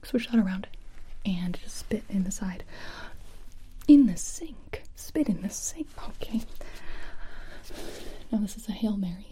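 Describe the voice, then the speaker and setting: A young woman whispers close to the mic in a comedic ASMR roleplay, playing a series of doctors and now and then bursting into full voice. Her medium-pitched voice is expressive and unhurried, with frequent pauses and slight background noise.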